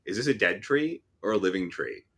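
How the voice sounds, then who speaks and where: A man's voice: low-pitched, lively intonation, fairly quick, a bit bright, slightly rough. A man giving casual script critique in a blunt, sardonic way. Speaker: workshop critic.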